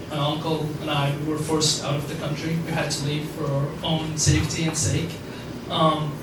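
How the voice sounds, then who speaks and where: Young man from Afghanistan, echoey event speech. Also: a little high. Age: young adult. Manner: rambling, many fillers. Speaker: alumni speaker. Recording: echoey room from far off, background noise.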